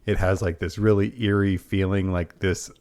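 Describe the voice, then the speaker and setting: Casting note: male podcast co-host, very deep voice, wry and easygoing. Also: flat delivery, normal speed, a little mellow, clear, resonant tone. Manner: laid-back, wry, chatty. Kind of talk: casual chat.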